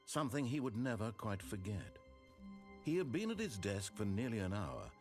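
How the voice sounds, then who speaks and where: A man voicing a wry, omniscient storybook narrator, measured and dry, over game music. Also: lowish voice, very animated. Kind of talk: scripted narration.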